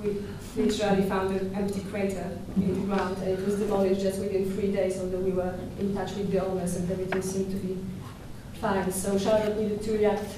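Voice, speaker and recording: A young woman curator giving a conference talk at a podium microphone in a dark lecture hall, measured and thoughtful with small hesitations and restarts. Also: mid-range voice, flat delivery, background noise. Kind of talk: conference presentation. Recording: echoey hall from far off.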